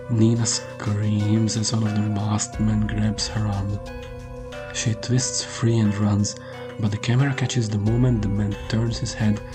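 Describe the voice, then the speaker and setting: A man reading a scripted horror story in the first person, with measured storytelling delivery. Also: on the low side. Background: prominent music under the voice.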